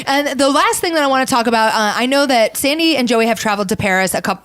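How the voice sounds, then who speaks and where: A woman with a slightly high voice hosts a chatty podcast. She giggles and says "like" and "um" as she rambles through odd news stories in a relaxed way. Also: fast, clear, resonant tone. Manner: chatty, giggly, full of filler words. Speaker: podcast host. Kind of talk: casual podcast chat. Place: podcast studio.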